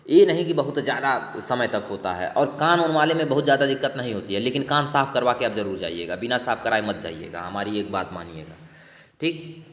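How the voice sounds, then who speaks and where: A man's voice: medium pitch, fairly bright tone. A man explaining medical tests to exam aspirants, reassuring them and often checking in as he goes. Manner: reassuring, repeats checks like "ठीक है". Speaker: exam prep instructor. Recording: echoey room with long reverb.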